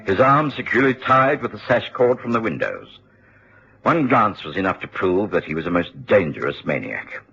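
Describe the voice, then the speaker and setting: An actor in a radio drama playing an earnest, loyal Victorian doctor who is both companion and narrator. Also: male voice, low-pitched, vocal fry, fairly bright tone, breathy edge, exaggerated voice. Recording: muffled, hissy old radio recording.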